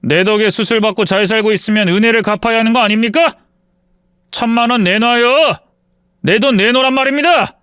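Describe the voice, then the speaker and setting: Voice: medium pitch, expressive, normal speed, fairly bright tone, no room sound, studio quality, lightly acted. A man reading the part of a greedy husband who demands money and later stammers apologies. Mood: demanding.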